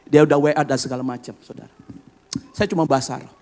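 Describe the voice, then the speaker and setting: A middle-aged male pastor delivering a sermon with a fairly high voice. He swings between ringing, raised exclamations and quiet, confiding asides. He keeps turning to the congregation for an amen. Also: steady tone, quick pace. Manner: preaching with wide swings from loud, high exclamations to hushed asides; addresses the congregation often, calling for amens.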